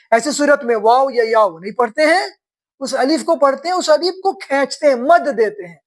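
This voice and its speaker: A woman teaching beginners to read, spelling words slowly syllable by syllable and quizzing her students. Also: fairly high pitch. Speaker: Quran reading teacher.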